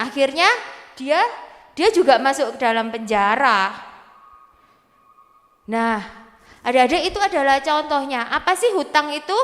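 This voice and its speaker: A woman teaches Sunday school, telling a story to children and questioning them in a lively way. Her voice is high and her pace slow and deliberate, with a long reverb from a hall. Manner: animated, addresses the children directly.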